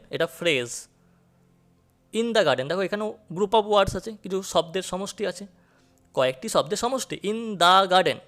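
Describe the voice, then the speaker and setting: A man teaching an English grammar lesson, speaking slowly and repeating key points for his students. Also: high-pitched, fairly bright tone. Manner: addresses students directly, asks them questions.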